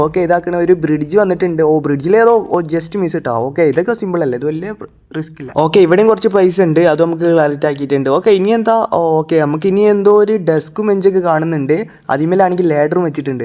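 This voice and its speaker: A man narrates his gameplay at a rapid clip. His voice sits a little high, and his talk to the viewers is chatty and loose, with frequent restarts and self-corrections. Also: a little mellow. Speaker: gaming video creator. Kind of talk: playful gameplay commentary.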